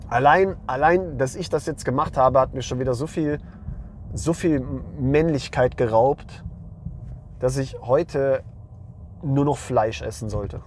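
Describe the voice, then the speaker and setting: A young man with a hoarse voice hosting a men's lifestyle channel, talking bluntly and with emphasis and slang, and often repeating himself. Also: medium pitch, a little hiss or hum. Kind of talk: blunt monologue to camera.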